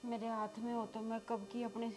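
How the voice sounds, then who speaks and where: A woman playing a frail elderly mother-in-law who talks in a slow, pleading, tired way. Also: fairly high pitch, flat delivery, slight background noise, close to an everyday voice. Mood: weary. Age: older. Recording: background music under voice.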